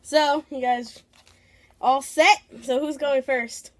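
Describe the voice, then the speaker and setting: A woman with a high voice hosts a challenge video. She chats casually and playfully to the camera at a slow pace. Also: steady tone.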